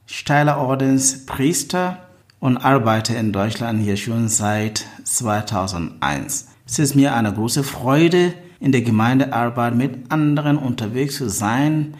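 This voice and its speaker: A man's voice: mid-range voice, animated, slow. Priest in his fifties, reflective. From Ghana. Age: 50s. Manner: reflective, searching for words. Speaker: priest in a religious order, guest. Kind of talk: personal interview.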